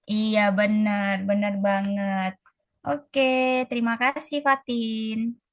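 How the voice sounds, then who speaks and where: A woman's voice: a little high, flat delivery, no echo, clean studio sound. Chatty woman tutor teaching Mandarin. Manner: slow, drawn-out model pronunciations; casual, chatty teaching, calls students guys. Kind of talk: online language class. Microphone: video call.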